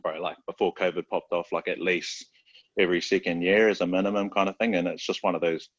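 A man's voice: sits low, fairly even intonation, quick pace, no echo, lo-fi sound. A man from South Auckland with a New Zealand accent, chatting casually as a podcast guest in a laid-back, slangy way, dropping "bro" into nearly every phrase. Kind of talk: casual chat.

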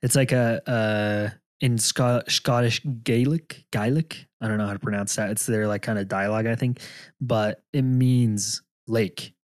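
A man's voice: on the low side, steady tone, normal speed, smooth, no room sound, clean studio sound. A man co-hosting a podcast, chatting casually in a rambling, hesitant way and laughing often. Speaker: podcast co-host. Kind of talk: casual chat.

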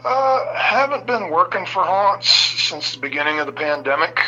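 Male caller, bright forceful voice, casual chat, muffled lo-fi line, faint music. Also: sits high, very animated, moderate pace. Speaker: contest-winning caller. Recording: dull lo-fi call, faint music.

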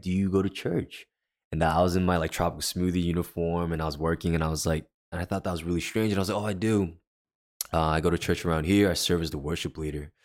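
In casual conversation, a deep-voiced podcast co-host and worship leader rambles through a personal story, using many fillers and frequently starting over.

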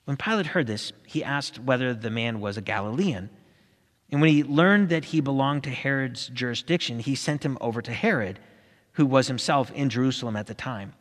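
Brief: male scripture reader, mid-pitched, earnest and steady, long hall echo. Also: normal speed. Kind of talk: reading scripture aloud.

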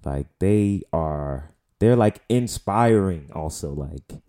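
Taking a slow pace, a man with a low, mellow and expressive voice hosts a casual solo podcast. He's from the Bronx, New York, in his late twenties with the accent to match, and he rambles loosely, swears, and uses a lot of fillers.

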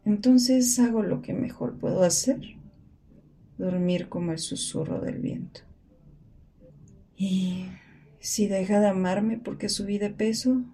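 A sleepy, heavy-lidded young woman, as a narrator acts her out, murmuring her inner monologue of exhaustion and self-blame. Her voice is low, warm and mellow, and it often sinks to a soft near-whisper. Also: a little slow, slight background noise. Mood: anxious, self-reproaching. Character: drowsy, self-blaming young woman gripped by depression.

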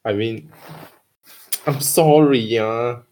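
A man's voice: mid-range voice, drawn-out words, a little mellow. A young man with a Singaporean accent, a podcast guest chatting casually and hesitantly in colloquial Singlish. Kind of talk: casual chat.

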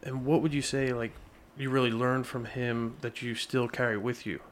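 A man's voice: mid-range voice, level tone, normal speed. A man in his thirties from Pennsylvania hosting an interview podcast, friendly with frequent affirming "yeah"s. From Lebanon, Pennsylvania. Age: 30s. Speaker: podcast host. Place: podcast studio.

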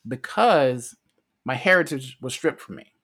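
A man's voice: mid-range voice, animated, unhurried, fairly bright tone, husky. An American man co-hosting a casual podcast, explaining his views earnestly and at length, often restarting his phrases. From United States. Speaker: podcast co-host.

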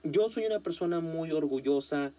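A man's voice: on the high side, moderate pace, warm tone. A man, a guest on a casual podcast, who talks hesitantly with many fillers and restarts.

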